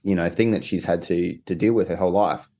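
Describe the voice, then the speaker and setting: A young Australian man who co-directed a documentary answers interview questions, rambling and restarting often. He speaks quickly in a low, warm voice.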